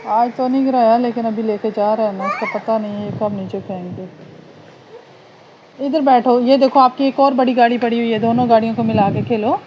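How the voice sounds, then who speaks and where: A woman's voice: fairly high pitch, fairly quick, dull audio, heavy background noise. A Pakistani woman, a mother at home, coaxing her small child in affectionate, repetitive baby talk. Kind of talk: casual home vlog talking to her toddler. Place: indoors at home, fan running.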